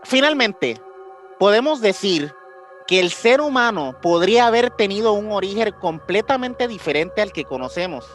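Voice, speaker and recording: Soft music plays behind a man with a Mexican accent who hosts a podcast, recounting a story in casual slang and frequently hunting for the right word. He has a high voice, slightly bright, with big swings in pitch and a moderate pace.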